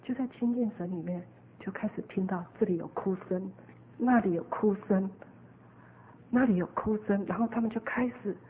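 A woman giving an earnest, animated sermon testimony as a preacher. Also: mid-range voice, normal speed, slight background noise. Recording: narrow phone-like lo-fi recording.

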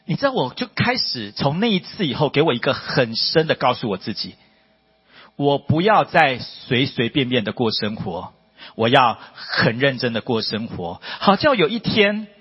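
A man preaching a testimony sermon to a church congregation, emphatic and full of rhetorical questions. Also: husky. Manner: emphatic, rhetorical questions, rising to high excited peaks. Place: church hall. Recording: dull lo-fi audio with long hall reverb.

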